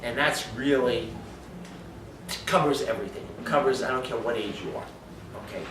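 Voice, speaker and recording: A man's voice: mid-range voice, normal speed, far from the mic, background noise. Lecturing man in an echoey room. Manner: emphatic lecturing with rhetorical questions. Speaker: speaker on supplementation. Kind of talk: explanatory health talk.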